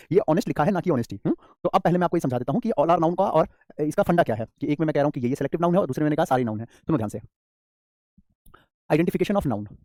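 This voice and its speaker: A man with an Indian accent teaching English grammar in an online class, calling students "beta" and slowly repeating key terms. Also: fairly high pitch, mellow, dry recording, clean studio sound.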